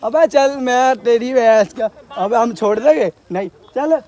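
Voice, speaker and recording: A young man vlogging outdoors while climbing a rocky hill, talking fast and joking, out of breath. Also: extremely high pitch. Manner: fast, excitable, joking banter. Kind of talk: casual outdoor vlog. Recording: outdoor phone audio with background noise.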